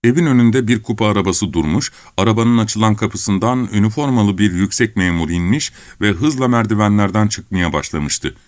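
A man with a low voice reads a story aloud at a measured pace, pausing deliberately between phrases. The recording is dry and close, with no room sound. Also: lively intonation, no room sound. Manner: measured, unhurried reading with deliberate pauses. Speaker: audiobook narrator. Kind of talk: storytelling narration.

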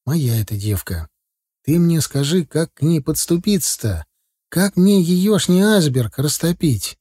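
A man voicing a lovesick young male village driver who pleads and whines excitedly. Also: a little high, measured pace, husky, dry recording, clean studio sound, pitched above the performer's own voice. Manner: excitable, whiny, insistent.

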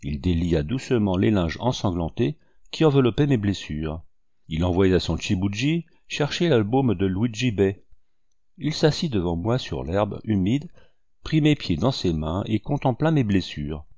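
Male audiobook narrator, low and mellow, dry close recording. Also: very animated, measured pace, dry recording.

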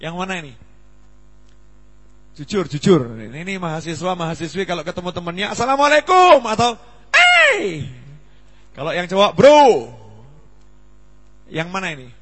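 A man in his forties giving a humorous sermon at a study gathering, lively and acting out dialogue with big jumps in voice. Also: on the high side, a little fast, long pauses. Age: 40s. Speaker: preacher. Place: Islamic study gathering hall. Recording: long reverb in a hall.

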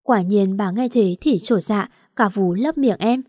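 A woman's voice: mid-range voice, a little slow, darkish tone, no echo. A woman narrating an audio story in the first person, emotional and indignant, on a close mic.

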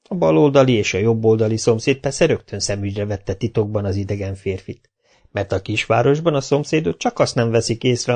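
A man's voice: medium pitch, creaky, darkish tone. Man reading a storybook aloud. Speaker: audiobook reader. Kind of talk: storytelling narration.

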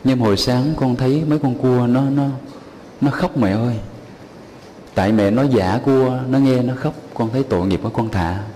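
A man's voice: mid-range voice, moderate pace, warm tone, long reverb tail, a little hiss or hum, lightly acted. A man voicing a tender-hearted little village boy in a told folk tale, speaking in a pleading, childlike way.

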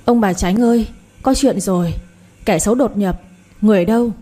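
A woman's voice: medium pitch, moderate pace, warm tone, lightly acted. A woman voicing a young male servant crying out in panic. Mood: panicked. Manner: frantic cries.

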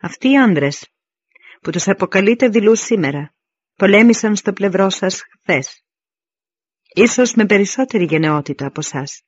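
A man's voice: high-pitched, animated, husky, dry recording, dull audio. A man reading the part of a stern veteran Spartan warrior in an audiobook, giving commanding speeches.

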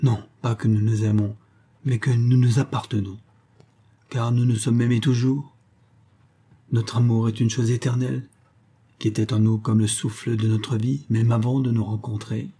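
An ardent husband deeply in love speaks with tender, pleading warmth , as a male narrator reads him. His tone is mellow and dark, with a faint husky roughness. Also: level tone, normal speed.

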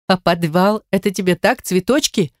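Narrator doing a squeaky, stubborn young woman. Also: moderate pace, dry recording, studio quality, natural voice. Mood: defiant. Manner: squeaky, sniffling, hissing. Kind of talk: audiobook dialogue.

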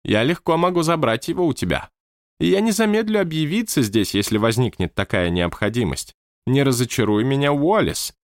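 A man's voice: mid-range voice, expressive, brisk, dry recording, clean studio sound, pitched above the performer's own voice, close to an everyday voice. A man voicing a haughty, imperious otherworldly male boss who gives commands. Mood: stern. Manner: haughty, impatient, theatrical.

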